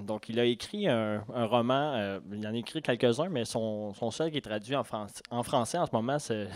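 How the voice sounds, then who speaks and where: A man's voice: mid-range voice, clear, resonant tone, dry recording. A man with a Québécois accent hosting a poetry evening in a library café, introducing the next guest in a rambling way full of fillers. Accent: Québécois French. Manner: rambling, filler-heavy, chatty. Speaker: event host. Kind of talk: introducing a guest at a live reading.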